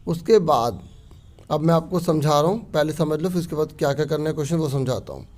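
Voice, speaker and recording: Male teacher, fairly high voice, patient worksheet walkthrough; slow reading, casual explaining. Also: a little mellow. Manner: reads Sanskrit slowly then explains in quick casual Hindi, with frequent "theek hai". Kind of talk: explaining a Sanskrit worksheet to students.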